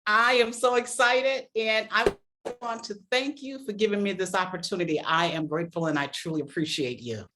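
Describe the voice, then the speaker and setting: An older woman from Boston, a life coach speaking as an interview guest, earnest and grateful in a measured way. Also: mid-range voice, background noise. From Boston, East Coast.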